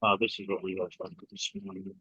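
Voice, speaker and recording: A man's voice: low-pitched, sing-song, fast talker, vocal fry, bright, forceful tone, husky, no room sound. A man on a group call, talking hesitantly with many fillers while his audio sounds muffled and underwater-like, breaking up. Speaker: trader reviewing charts on a group call.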